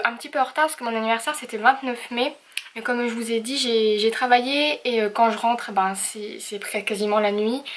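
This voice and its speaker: A woman's voice: a little high, a bit bright, slight background noise. A young woman chatting casually in a craft haul video, talking with many hesitations and fillers. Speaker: craft vlogger.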